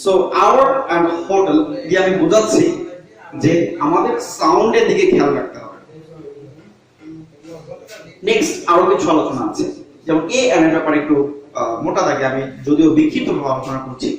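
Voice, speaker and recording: A man's voice: a little high, fairly quick. A man teaching an online English grammar lesson, mixing Bengali and English words and asking and answering his own questions as he explains step by step. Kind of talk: online class lecture. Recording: very echoey room, from far off.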